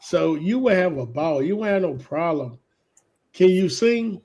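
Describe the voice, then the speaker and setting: A man with a fairly high voice hosts a relaxed livestream. He jokes and chats with a caller, talking loosely in a country manner. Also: unhurried. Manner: casual, joking, Southern country speech. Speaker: show host. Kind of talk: casual livestream chat.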